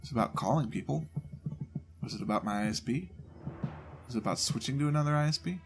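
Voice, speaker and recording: Quick and expressive, his mid-range voice is stuffed up from a cold. As a gaming channel host, he rambles casually and loosely through a channel update from his home desk mic, voice only, interrupting himself while soft background music plays.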